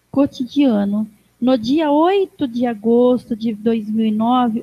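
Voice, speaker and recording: A woman with a Brazilian Portuguese accent reads a formal tribute aloud in a council chamber, stumbling and restarting words as she goes. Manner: halting, restarts words while reading. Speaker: council member giving a tribute. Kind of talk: slow formal reading of a tribute. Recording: dry, dull low-fi sound.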